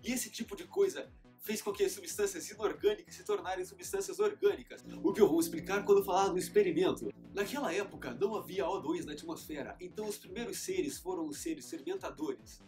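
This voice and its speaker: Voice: mid-range voice, brisk, darkish tone, faint music behind. A teacher host giving a playful scripted lesson in the manner of a children's show presenter.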